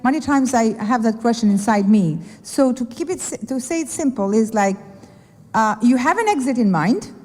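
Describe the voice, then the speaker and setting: A woman's voice: a little high, darkish tone. A woman moderating a business panel, reflective and hedging, with frequent restarts. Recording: echoey event hall.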